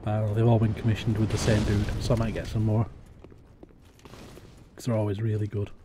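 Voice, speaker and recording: A man's voice: lowish voice, completely flat delivery, fairly quick, noisy background. A young man chatting casually while playing a game on a live stream, muttering to himself as he goes.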